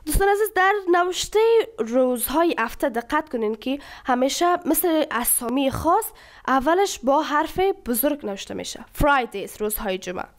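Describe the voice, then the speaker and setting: A woman teaching English vocabulary. She reads each English sentence slowly and then explains the words one by one. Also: high voice, expressive. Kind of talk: bilingual vocabulary lesson.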